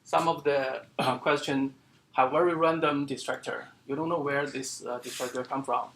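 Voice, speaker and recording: Creaky-voiced man giving a seminar talk. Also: mid-range voice, fairly even intonation, fairly bright tone, a little hiss or hum. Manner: halting, many fillers and restarts. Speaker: seminar speaker. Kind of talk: academic seminar lecture. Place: lecture room.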